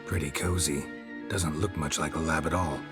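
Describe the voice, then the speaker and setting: An actor playing a gruff, world-weary monster hunter in a video game, terse and dry with a gravelly voice. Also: male voice, very deep voice, steady tone, normal speed, over loud music. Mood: dry, laconic.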